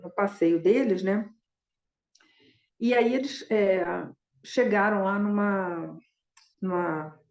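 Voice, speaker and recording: A woman's voice: mid-range voice, darkish tone, roomy sound. A woman dharma teacher retelling a Buddhist story in a conversational way, constantly adding short tag questions.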